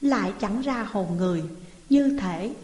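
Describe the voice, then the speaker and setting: A woman's voice: mid-range voice, expressive, measured pace, darkish tone, lightly acted. A woman voicing a cruel, scheming sister-in-law who talks harshly, in a roomy hall reverb. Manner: harsh, scolding.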